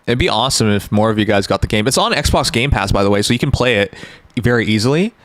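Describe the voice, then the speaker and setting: A man's voice: on the low side, expressive, fast, no echo. A man hosting a livestream, chatting informally and jokingly with his viewers into a close microphone. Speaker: live streamer, host. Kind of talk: casual livestream chat with viewers.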